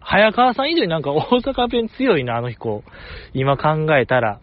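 Kansai-accented male podcast host, lively and chatty, raised pitch, a bit of a dull lo-fi recording. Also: moderate pace, dry recording. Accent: Kansai Japanese. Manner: lively, chatty, repeats himself for emphasis. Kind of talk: solo casual chat.

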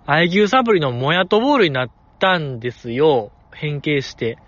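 A man's voice: on the high side, lively intonation, brisk, fairly bright tone, lo-fi sound. A man with a Kansai accent talking casually outdoors, reviewing voice performances and playfully acting out the lines he quotes. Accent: Kansai Japanese. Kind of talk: casual solo talk. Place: outdoors in the cold.

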